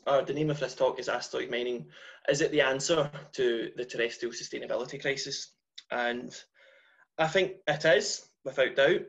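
A young man with a broad Scottish accent lectures over a video call. His voice sits at a medium pitch with a creaky edge. He stresses key words deliberately, and the sound is slightly muffled. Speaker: guest lecturer, company founder. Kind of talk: online lecture. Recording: dull lo-fi video-call audio.

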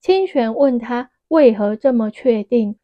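A woman narrating a fantasy novel as an audiobook in a steady, even storytelling manner. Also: on the high side, unhurried, no echo, highs cut off.

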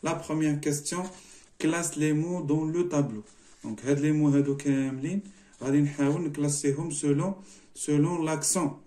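A man's voice: fairly high pitch, mellow. A middle-aged man with a Moroccan accent, teaching a primary-school French spelling lesson, explaining step by step, repeating words and switching between languages. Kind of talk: French lesson walkthrough mixing Moroccan Arabic and French.

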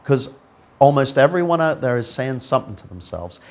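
A man's voice: medium pitch, fairly quick. Man running a playful workshop demo. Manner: playful, coaxing, animated with a group. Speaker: NLP trainer. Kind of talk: live workshop demonstration. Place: training room before a live audience.

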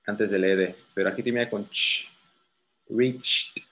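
A man with a slightly low voice tutors a single student through exam grammar. He is patient and repeats words slowly to fix pronunciation. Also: fairly even intonation, fairly bright tone, rough recording. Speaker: English tutor. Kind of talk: one-on-one TOEFL grammar lesson.

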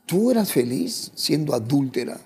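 A man's voice: on the high side, big pitch swings, normal speed, creaky, dark tone, husky. Man, Ecuadorian Spanish accent, pastor, church testimony interview, preacherly. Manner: preacherly, quotes scripture, leads the guest.

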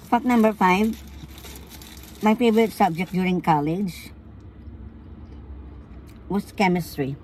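A woman's voice: mid-range voice, slow, long pauses, darkish tone, a little hiss or hum. A woman in her fifties chatting casually in a vlog while dancing, counting off facts one by one. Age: 50s. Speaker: vlogger.

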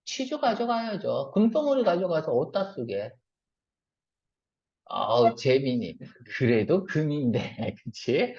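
Male reading teacher, animated lecture delivery, fires off rhetorical questions, dull lo-fi recording. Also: fairly high pitch. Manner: asks the class quick questions and answers them himself; mixes casual and polite speech. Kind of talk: classroom lecture.

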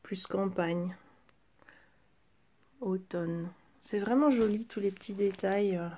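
A woman chatting casually through a craft shopping haul, pausing with fillers as she handles each item. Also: mid-range voice, mellow. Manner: chatty, hesitant fillers while handling items. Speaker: craft vlogger. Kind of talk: casual haul show-and-tell.

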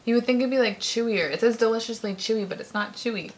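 A woman's voice: a little high, quick pace, slight background noise, rough recording. A young American woman hosting a casual candy taste-test vlog, chatting with many "like" fillers and easy laughs. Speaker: vlogger.

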